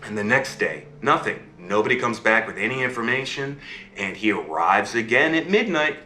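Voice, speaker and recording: A man's voice: lowish voice, expressive, moderate pace, bright, forceful tone, roomy sound, a little hiss or hum. A man telling a fairy tale to his child over a video call, voicing the characters and checking in with okay and right. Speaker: father telling a bedtime story.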